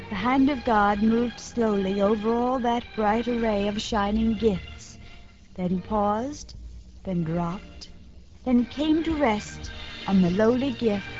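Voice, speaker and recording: A woman reading a children's story aloud in a gentle, expressive way as host of a radio program, heard from an old broadcast disc recording. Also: mid-range voice. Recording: dull lo-fi 1950s radio transcription with music.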